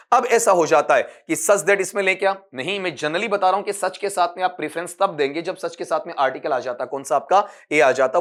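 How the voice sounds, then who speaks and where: A man's voice: a little high, fairly bright tone. A man, teaching an English exam-prep lesson, explaining step by step and asking his students questions. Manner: explains step by step, calls students beta, asks them questions; reads English sentences and spells words out slowly.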